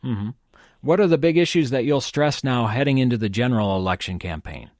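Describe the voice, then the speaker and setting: A man working as a public radio host, putting measured, polite questions to a guest in an interview. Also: medium pitch, a little mellow, no room sound, clean studio sound.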